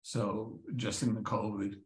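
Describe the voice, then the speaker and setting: Halting man in a roomy space. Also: lowish voice, level tone. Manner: halting, repeats words. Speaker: guest. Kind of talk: casual interview. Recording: roomy echo.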